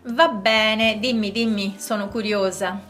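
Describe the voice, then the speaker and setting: A woman speaking in a clear, measured way in a scripted dialogue for language learners. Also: mid-range voice, steady tone, a bit bright, soft background music. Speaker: dialogue partner in a language lesson.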